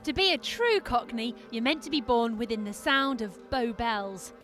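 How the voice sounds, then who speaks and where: A woman's voice: fairly high pitch, animated, normal speed, a bit bright. Female reporter voice-over, wry and light-hearted, music bed underneath. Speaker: reporter narrating a news package. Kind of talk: scripted news voice-over.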